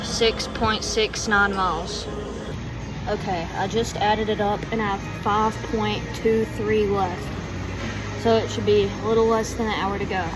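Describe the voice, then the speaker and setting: A woman's voice: medium pitch, poor audio. A young woman talks to her viewers like a fitness vlogger. Her delivery is informal and a bit rambling, in an everyday mid-range voice. Music plays behind her. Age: young adult. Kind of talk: casual vlog chat.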